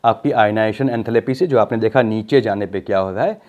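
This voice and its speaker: A man's voice: on the low side, brisk. A man teaching chemistry in a recorded lecture. He works through each step with questions to the class and mixes Hindi with English technical phrases, drawing out the key words. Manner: talks the class through steps with rhetorical questions. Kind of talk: explaining at a board in a recorded lecture. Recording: dull lo-fi audio.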